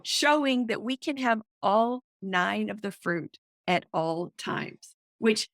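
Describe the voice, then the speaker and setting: A middle-aged woman, a guest author and counselor, explaining with excited emphasis in a podcast interview. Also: medium pitch, slow, no echo, clean studio sound.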